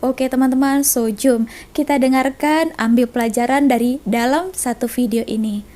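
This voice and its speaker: Bright high woman host introducing the video, upbeat, talks to viewers. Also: fairly even intonation, moderate pace. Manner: upbeat, addresses viewers directly. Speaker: channel host. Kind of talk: scripted intro narration.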